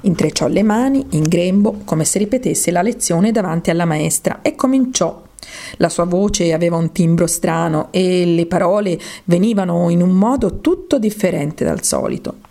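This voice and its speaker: A woman narrating a children's story in a calm, even reading voice. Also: on the low side, normal speed, gravelly.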